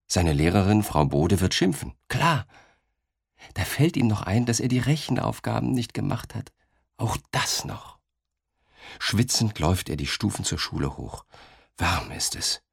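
Deep-voiced man reading a children's story. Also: measured pace, gravelly, slightly rough, dry recording, clean studio sound. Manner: expressive, lively storytelling. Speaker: audiobook narrator. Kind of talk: scripted narration of a children's story.

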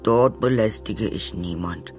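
A man voicing an anxious, self-blaming old man who talks slowly and mournfully in a storybook. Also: lowish voice, darkish tone, soft background music, natural voice.

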